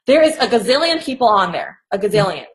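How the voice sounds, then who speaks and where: A woman's voice: on the high side, sing-song, fast, rough recording. A young adult woman speaking as an interview guest, talking in an earnest, motivational way and filling her sentences with "like" and "okay". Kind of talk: casual conversational interview.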